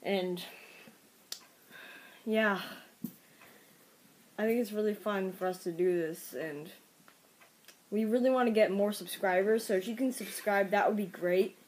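A woman hosting her channel, chatting casually and then shouting and scolding in excited bursts. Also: mid-range voice, measured pace, pauses often, slight background noise. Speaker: channel host. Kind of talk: casual vlog chat and excited play-acting.

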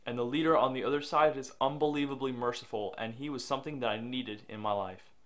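A young man playing a troubled young man who narrates quietly and with regret, and who snaps back in family arguments. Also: medium pitch, steady tone, fast talker, natural voice. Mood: regretful. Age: young adult. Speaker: lead actor and narrator. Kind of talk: reflective voice-over narration and dialogue.

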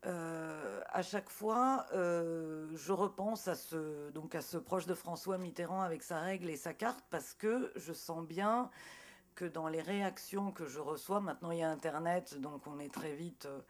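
Slow, halting middle-aged woman panelist. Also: sits low. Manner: halting, many fillers, reflective. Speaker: journalist on a panel. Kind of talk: panel talk at a conference. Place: large auditorium, seated at panel table. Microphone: table microphone on gooseneck.

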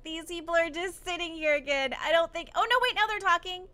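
A woman giving casual let's-play commentary on a video game, excitable and exclamatory, laughing often. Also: extremely high pitch, a little fast. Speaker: gaming YouTuber.

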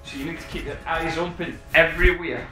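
A young man giving loud, sweary commentary while playing a VR shooter, taunting the enemies and getting out of breath. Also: fairly high pitch, fairly even intonation, fairly quick. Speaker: gaming video creator. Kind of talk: excited gameplay commentary. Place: room while playing a VR game. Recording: roomy, distant mic, game music behind.

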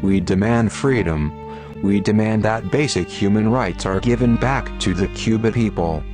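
A man in a disguised deep voice reading a solemn, declamatory activist statement. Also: normal speed. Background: loud music.

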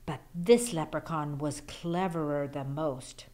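A woman reading a children's picture book aloud as an expressive storyteller. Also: sits low, a little slow.

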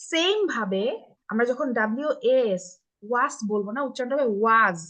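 A woman's voice: fairly high pitch, muffled recording. A woman with a Bangladeshi accent teaching English to children in an online live class over a video call, patiently repeating model phrases and checking that everyone understands.

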